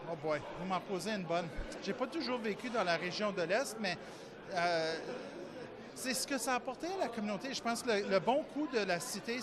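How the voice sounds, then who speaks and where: A man from southern Ontario, a foundation director speaking upbeat while searching for words. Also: high-pitched. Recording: gala crowd outdoors.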